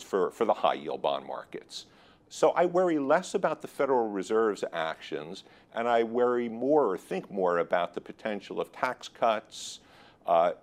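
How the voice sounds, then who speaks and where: Low-voiced man, measured financial expert. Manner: measured, considered, analytical. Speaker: guest expert on high yield bond markets. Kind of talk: interview answers on financial markets.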